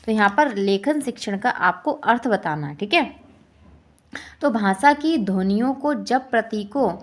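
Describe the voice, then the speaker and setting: A woman teacher with an Indian accent going through exam questions and answers, echoing each answer back as a quiz question. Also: mid-range voice. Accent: Hindi-belt Indian. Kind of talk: exam-prep lesson.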